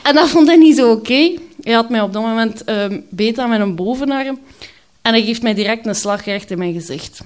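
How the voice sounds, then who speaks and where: Halting Flemish woman telling her story. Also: a little high, animated. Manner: candid, halting, with frequent hesitations. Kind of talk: personal storytelling.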